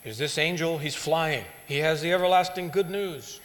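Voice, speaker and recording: A man's voice: a little high, a bit bright. A man preaching a sermon in short phrases, stopping for an interpreter and asking the listeners questions. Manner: pauses for the interpreter, asks the audience questions. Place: church hall. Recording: echoey hall.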